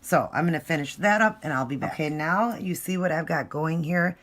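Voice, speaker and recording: A woman's voice: low voice, fairly quick, fairly bright tone. A woman giving a casual step-by-step craft tutorial, talking informally and thinking aloud as she works. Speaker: nail art tutorial presenter. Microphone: phone. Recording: noisy home phone recording.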